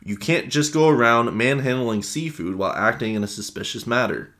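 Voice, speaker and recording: A man's voice: mid-range voice, lively intonation, brisk, fairly bright tone. A young man from Canada co-hosting a podcast, chatting casually, joking, laughing often and swearing. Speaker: podcast co-host. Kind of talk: casual chat.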